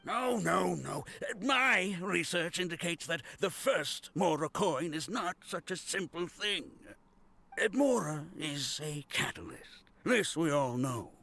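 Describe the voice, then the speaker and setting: Pompous, creaky male archaeologist. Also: fairly high pitch, lively intonation, slow, bright, forceful tone, heavily acted. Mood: pompous, insistent. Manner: pompous, pedantic, emphatic. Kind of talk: video game voice acting.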